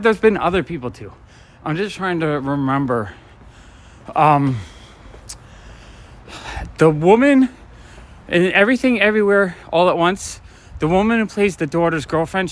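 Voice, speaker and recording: A man's voice: fairly high pitch, a bit bright. Chatty man walking city streets at night. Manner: chatty, storytelling, talking to live chat. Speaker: vlogger and comic shop owner. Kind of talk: casual chat while walking. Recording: light street noise, traffic.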